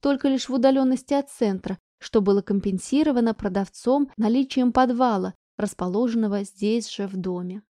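Mellow woman narrating an audiobook. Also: fairly high pitch, a little fast, hardly any pauses, no room sound, clean studio sound.

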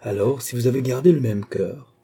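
A man reading an audiobook who voices a lively, playful young queen with an exuberant manner. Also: moderate pace, breathy edge. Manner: exuberant, raised pitch.

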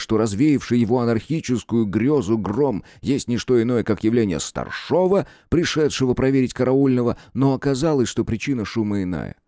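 Male narrator, scripted storytelling, wry, expressive, dry close sound. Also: medium pitch, no echo. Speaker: audiobook narrator.

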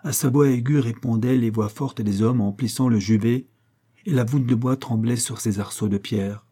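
A man narrating a classic novel as an audiobook, with measured, even reading. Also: mid-range voice.

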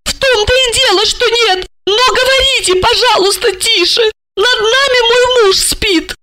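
A woman voicing an indignant, flustered young wife in an audiobook, with a shrill, exasperated manner. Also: unhurried, heavy background noise. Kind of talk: audiobook character voice.

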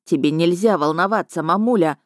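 A woman's voice: lowish voice, fairly quick, no room sound, studio quality, natural voice. A woman narrator voicing a timid grown son who mumbles and pleads with his mother. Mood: pleading.

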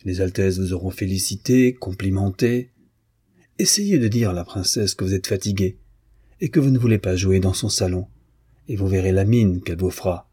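Un homme lisant à voix haute qui prête sa voix à une jeune femme fière, au ton cinglant et dédaigneux. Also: male voice, low-pitched, moderate pace, warm tone, husky. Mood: scornful. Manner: cutting, disdainful. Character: proud young woman, scornful and calm.

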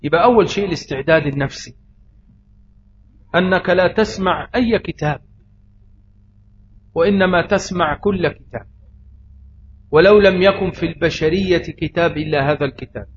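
A preacher with an Egyptian accent gives a religious lesson, posing rhetorical questions and answering them himself. His voice is a little high, his pace moderate, and he pauses often. The audio is slightly dull with faint noise.

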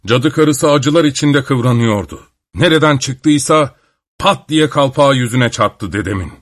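A man reads a folk tale aloud with an expressive, storybook delivery. His voice sits in a middle pitch but swings widely as he tells it. The sound is close and dry, with no room around it. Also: measured pace, no echo. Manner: lively, expressive reading. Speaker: narrator. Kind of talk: storybook narration.

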